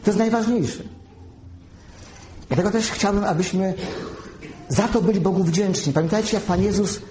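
A preacher delivers a measured teaching sermon, slowly pausing to spell out each term. His slightly high voice is mellow and warm, and the room is echoey with a faint ambient hum.

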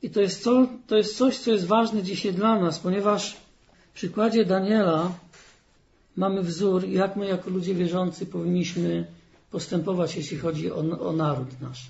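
High-voiced man preaching a sermon, lo-fi. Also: steady tone, normal speed, gravelly, a little mellow. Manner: earnest, rising to emphatic stress on key phrases. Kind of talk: sermon with scripture reading. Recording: dull lo-fi recording.

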